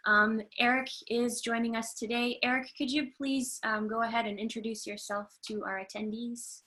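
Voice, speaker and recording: A woman's voice: on the high side, flat delivery, moderate pace, bright, forceful tone. A woman from Canada hosting a video-call webinar interview, polite and a little hesitant with frequent fillers. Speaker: host and trainer.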